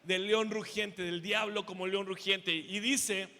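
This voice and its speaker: A Mexican pastor preaching a sermon, asking the congregation questions and building up to shouts. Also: male voice, high voice, steady tone, unhurried. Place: church hall. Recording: reverberant hall.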